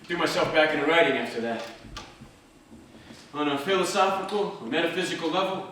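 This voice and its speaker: A man's voice: a little high, fairly quick, fairly bright tone, slight background noise. A man delivering a theatrical first-person monologue, telling his story dramatically with wry, dry humour. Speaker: solo stage performer. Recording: very echoey stage, distant microphone.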